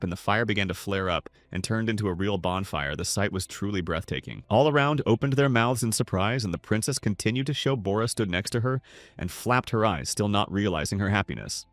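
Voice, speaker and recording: A man narrating a comic story recap in a steady, scripted storytelling manner. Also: fairly low pitch, no echo.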